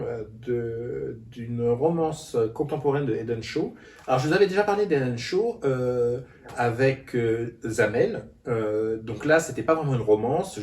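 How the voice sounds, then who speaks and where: A man's voice: mid-range voice, a little mellow. A hesitant man talks casually about books, stopping often to restart his sentences. He sits a little back from the mic, and the room gives his voice an echo. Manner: hesitant, many fillers and restarts. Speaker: book vlogger. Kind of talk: casual book haul vlog. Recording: roomy echo, a bit far from the mic.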